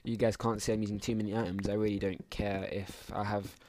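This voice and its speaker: A man's voice: on the low side, little pitch movement, brisk, noisy background. A young man casually commenting while playing a game at home, rambling through mumbled asides into a desktop microphone. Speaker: gaming channel host. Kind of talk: casual let's play commentary.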